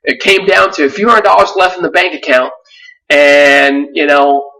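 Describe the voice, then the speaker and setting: Man, 40s, from Vietnam, webinar presenter; earnest pitch, lots of fillers, bright tone, set back from the mic. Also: level tone, normal speed, recorded from a distance, low-quality recording. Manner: earnest, with frequent fillers and restarts.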